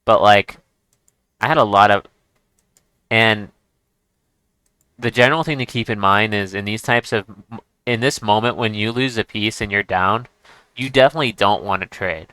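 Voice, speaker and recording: A man's voice: fairly low pitch, sharp tone, clean tone, no echo. A man giving casual chess commentary as he plays, thinking aloud and restarting his sentences. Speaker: chess streamer.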